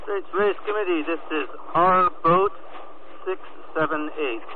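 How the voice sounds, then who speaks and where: A man's voice: high-pitched, measured pace. A man on a boat calling in over a crackly two-way radio transmission, repeating call signs in clipped, formal radio procedure. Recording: crackly narrow-band radio with static.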